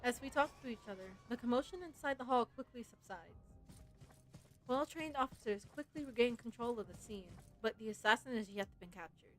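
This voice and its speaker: A fairly high, brisk female voice belongs to a streamer livestreaming a game. She chats in a relaxed way and reads the game's story aloud with playful, giggly enthusiasm while game music plays.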